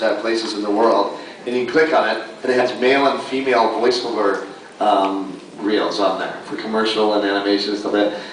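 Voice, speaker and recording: A man's voice: fairly low pitch, a little hiss or hum. A man on a convention panel, talking casually in a rambling way with many likes and restarts. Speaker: voice actor panelist. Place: large convention hall. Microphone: far audience camera. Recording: echoey hall recorded from far off.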